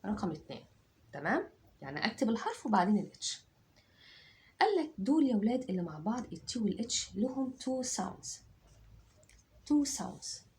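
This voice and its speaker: Egyptian female teacher, very animated pitch, drills phonics sounds for kids, keeps checking in. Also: quick pace. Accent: Egyptian Arabic. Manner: drills sounds aloud, repeats and checks understanding. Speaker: English teacher. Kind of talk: phonics lesson for children.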